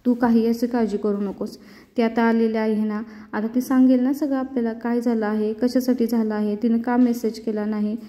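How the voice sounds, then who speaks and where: A caring young woman soothes her worried brother, as a woman narrator puts her on. Her tone is dark and steady. Long reverb follows her. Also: a little high, moderate pace, close to an everyday voice. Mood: soothing. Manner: soothing, reassuring.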